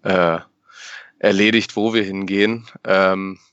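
A man's voice: low-pitched, steady tone, slow, a bit bright, no echo. Man from Berlin, podcast guest, rambling, lo-fi sound. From Berlin, Germany. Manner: rambling, many fillers. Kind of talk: casual chat. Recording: dull, lo-fi dry sound.

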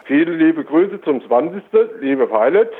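A man on a landline phone call, relaxed and playing along with the caller. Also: a little high, normal speed, heavy background noise. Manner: relaxed, plays along with the bit. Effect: over a landline phone. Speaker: prank call target. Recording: tinny phone line.

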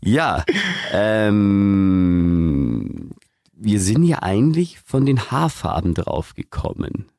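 A man's voice: on the low side, very animated, slow, gravelly, warm tone, no echo, clean studio sound. A man hosting a podcast, chatting casually and trailing off with fillers. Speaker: podcast host. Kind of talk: casual chat.

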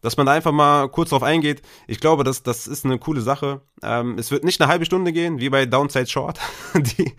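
A man's voice: medium pitch, normal speed, a bit bright. A man co-hosting a podcast, talking loosely and colloquially with many fillers and restarts. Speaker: podcast co-host. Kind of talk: casual podcast chat.

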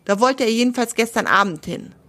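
A woman's voice: on the high side, animated, brisk, fairly bright tone. A woman voicing a sleepy, grumpy female owl woken too early, in a storybook tale. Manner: sleepy complaining.

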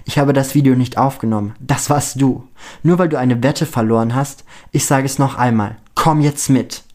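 A man reading the part of a sharp-tongued, bossy teenage schoolgirl, scornful and commanding. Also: medium pitch, moderate pace, vocal fry.

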